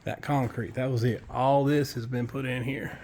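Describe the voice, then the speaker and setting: A man's voice: medium pitch, fairly even intonation, moderate pace, a little mellow, a little hiss or hum. A man, a construction worker giving a casual walkthrough of a building site, blunt and profane as he tells his story.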